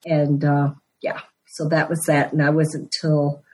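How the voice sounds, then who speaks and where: Her low voice barely moves in pitch, sounding a little mellow with a breathy edge. She's a sixty-something author and Christmas elf from Denver, Colorado, recounting her story earnestly and laughing quickly as a guest in a conversational podcast, though the recording quality is low.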